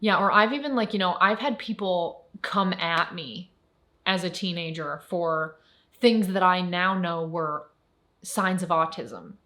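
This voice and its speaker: A woman's voice: lowish voice, measured pace, bright, forceful tone. A woman in her twenties telling a personal story on her video channel in a candid, rambling way with many fillers. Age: 20s. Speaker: YouTuber.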